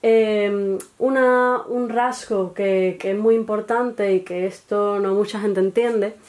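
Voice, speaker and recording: A woman with an Andalusian accent giving a recorded language lesson, explaining step by step with pauses and fillers, often checking in with her students. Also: medium pitch, fairly even intonation, a little mellow. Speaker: teacher.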